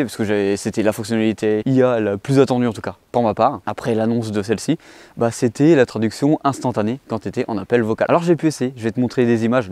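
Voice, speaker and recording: Fast-talking casual man, dry sound. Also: mid-range voice, darkish tone, dry recording. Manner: chatty, addresses the viewer directly. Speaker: tech reviewer. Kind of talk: casual product review to camera.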